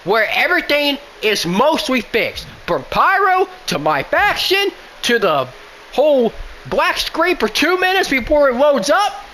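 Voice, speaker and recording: A man's voice: extremely high pitch, very animated, unhurried, pushed and bright, a little hiss or hum, poor audio. A man complaining at length about a buggy video game, exasperated and repeating himself as he pleads for fixes. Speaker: gaming YouTuber. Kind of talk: frustrated game rant.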